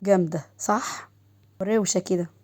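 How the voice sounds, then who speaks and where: A woman's voice: mid-range voice, a little slow, a little mellow, lightly acted. Woman voicing a brash joking Egyptian brother. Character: joking brother, loud and playful.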